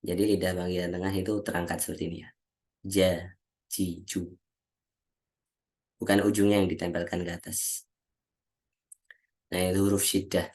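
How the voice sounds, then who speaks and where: A male Quran recitation teacher giving a lesson on how Arabic letters are pronounced, slowly drilling syllables one by one and often clearing his throat, over a video call. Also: low voice, flat delivery, darkish tone. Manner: slow, patient, repeats each syllable aloud as a drill.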